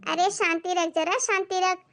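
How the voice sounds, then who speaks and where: Woman doing soothing old mother figure, very high and bright voice, animated family skit. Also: moderate pace. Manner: soothing, calming her angry daughter. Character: gentle older mother-in-law, patient and doting.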